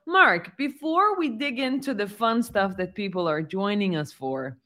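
A woman hosting a podcast, leading the chat in an animated way and introducing her guest. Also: medium pitch, a little slow. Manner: animated, leads the conversation. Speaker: podcast host. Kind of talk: casual chat.

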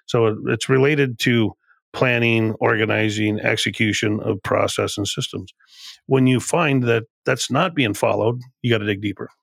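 In a conversational podcast interview, a male CEO explains leadership forcefully, repeating and restarting phrases often. He speaks at a moderate pace in a medium-pitched, creaky voice, with no room sound.

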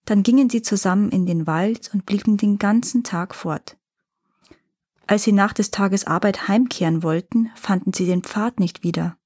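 A woman storyteller reads a folk fairy tale aloud in a calm, even way. Her voice is slightly husky and mid-pitched. The sound is close and dry. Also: dry recording. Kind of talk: scripted fairy-tale narration.

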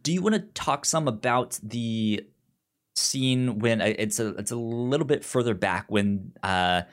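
A man with a mid-range voice and an unhurried pace co-hosts a podcast, chatting casually about a film. He often stammers and repeats words, and he animatedly acts out the characters' lines.

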